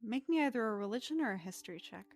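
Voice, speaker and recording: A woman's voice: a little high, expressive, racing. A woman narrating a tabletop game as game master, describing scenes with small hesitations.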